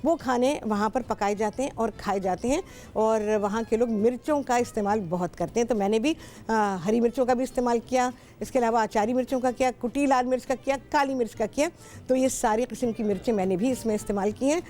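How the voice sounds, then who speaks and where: A high-pitched woman hosts a cooking show in a TV studio, speaking with a Pakistani Urdu accent. She is talkative and instructive, and circles back to repeat her points. Faint music plays behind her. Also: fairly quick, mellow. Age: middle-aged. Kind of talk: chatty cooking show talk with callers. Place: television studio.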